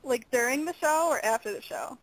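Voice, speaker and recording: A woman's voice: high-pitched, brisk, no room sound, low-quality recording. A woman calling in to a radio show as a fan, giggly and bubbly. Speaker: caller, fan. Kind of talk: call-in chat.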